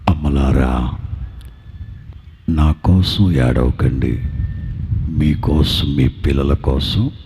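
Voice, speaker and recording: A man voicing Jesus with a slow, low and tender delivery. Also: background noise, exaggerated voice. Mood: solemn. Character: Jesus, risen teacher, gentle and solemn.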